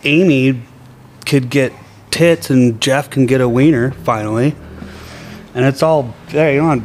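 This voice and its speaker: A man's voice: mid-range voice, measured pace, darkish tone, a little hiss or hum. A man guesting on a podcast, joking in a crude, blunt way in casual chat.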